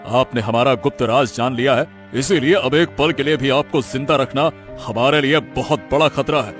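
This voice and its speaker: A man's voice: mid-range voice, moderate pace, fairly bright tone, faint music behind, lightly acted. A man voicing a greedy, scheming village headman who poaches wild animals, gloating and laughing often. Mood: menacing. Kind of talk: cartoon voice acting.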